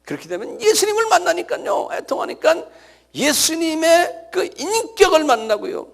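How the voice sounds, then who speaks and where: A middle-aged man preaching a sermon as pastor, animated, breaking into sudden cries and calling out to his congregation for a response. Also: very high-pitched, moderate pace, creaky.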